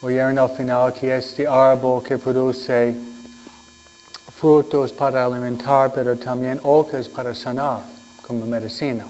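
A man speaking as a priest in solemn church delivery, reading scripture and preaching with deliberate phrasing and frequent pauses. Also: mid-range voice, flat delivery, a little mellow, muffled recording. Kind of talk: solemn Gospel reading and homily.

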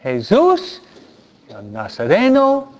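A man preacher voicing a desperate blind beggar who cries out in a pleading shout. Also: high-pitched, wildly swooping pitch, drawn-out words, highs cut off, voice pushed up, full character voice. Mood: pleading cry.

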